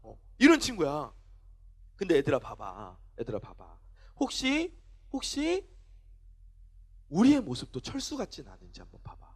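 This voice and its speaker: A male pastor giving a sermon to children, telling stories in an animated way and acting out little scenes. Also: fairly high pitch, brisk, slightly rough.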